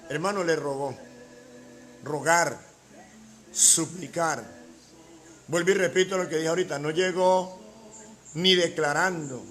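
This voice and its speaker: A man's voice: on the high side, fairly bright tone. A man preaching a sermon as pastor, emphatic, with rhetorical questions and repeated key words.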